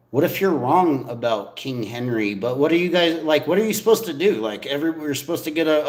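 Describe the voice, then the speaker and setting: A man hosting a casual livestream, talking loudly and insistently to his viewers from a room with a strong echo. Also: mid-range voice. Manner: loud, insistent, slangy. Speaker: livestream host. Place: echoey room.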